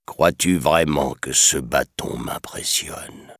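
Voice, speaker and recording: A man voicing a sly, gloating male tiger in a storybook reading, speaking slowly in a soft, hushed voice. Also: very deep voice, big pitch swings, gravelly, breathy edge, dry recording, studio quality, heavily acted. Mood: menacing. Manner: slow and gloating, drops into a whisper. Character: grumbling old male tiger, menacing and sly. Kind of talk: storybook narration.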